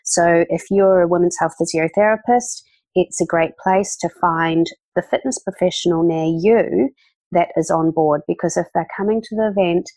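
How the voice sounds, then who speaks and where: A woman's voice: fairly low pitch, normal speed, a little mellow, dry recording. A woman, an event organizer chatting enthusiastically as a podcast guest, with many fillers. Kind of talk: casual interview talk.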